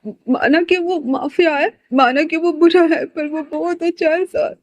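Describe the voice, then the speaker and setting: A frantic young woman on the edge of tears, as a female storyteller puts her on, her voice pitched up high and breaking into stammers as she begs. The sound is close and dry, with no room around it. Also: fairly even intonation, darkish tone, no echo. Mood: pleading. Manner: halting, stammering sobbing pleas.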